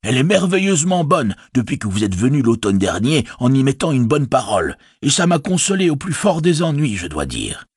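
A man voicing a chatty, fretful stout innkeeper who rambles and exclaims, with a husky voice. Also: mid-range voice, sing-song, fairly quick, hardly any pauses, no echo, clean studio sound, voice pushed up. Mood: rambling.

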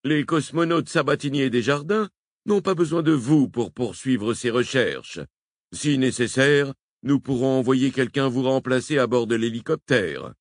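A man reading a novel aloud, voicing a brisk, businesslike male admiral giving orders by radio. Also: mid-range voice, expressive, no room sound, studio quality, voice pushed up, close to an everyday voice. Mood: persuasive.

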